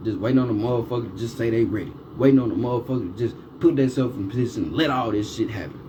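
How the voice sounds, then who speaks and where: Racing along at medium pitch, this male vlogger rants nonstop, cursing freely and hammering rhetorical questions. Steady background noise sits beneath him.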